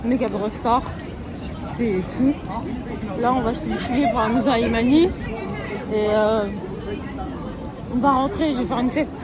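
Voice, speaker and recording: A young woman vlogs her way through city streets and shops, talking casually to viewers in a slangy, chatty style. Her voice is a little high, unhurried, and broken by frequent pauses. Behind her, a loud street crowd and music fill the recording.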